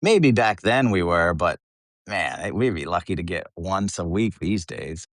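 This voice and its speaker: This American metal singer from eastern Pennsylvania is an interview guest, chatting casually and bluntly while telling anecdotes full of slang and swearing. His voice sits low and sounds animated but a little slow, recorded dry at studio quality.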